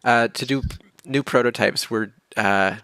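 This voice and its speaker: On a livestream Q&A over a video call, a game developer chats casually and at length about his team's work, relaxed and chuckling between points. His mid-range voice is unhurried, clear and resonant, with no echo.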